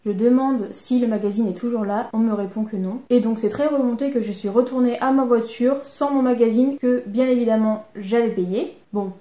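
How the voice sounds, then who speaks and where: French-accented woman vlogger, light high voice, casual and self-mocking, echoey room. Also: dark tone. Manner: chatty, self-mocking storytelling. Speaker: sewing vlogger. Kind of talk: casual vlog narration.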